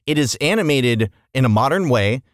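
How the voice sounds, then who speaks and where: Podcast guy, opinionated and sweary, really animated pitch, dry recording. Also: normal speed, no room sound. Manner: emphatic, sweary, analytical. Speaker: podcast host. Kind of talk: casual opinionated review chat.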